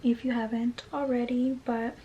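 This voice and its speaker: A young woman vlogging at home, chatting excitedly with her viewers while holding the camera and a little out of breath. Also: on the high side, moderate pace, lo-fi sound, a little hiss or hum. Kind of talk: casual vlog chat. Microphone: handheld camera mic.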